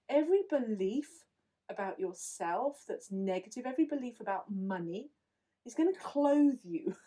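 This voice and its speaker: A woman leading a guided visualization in a slow, soothing, instructive way. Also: mid-range voice, warm tone. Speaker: meditation guide.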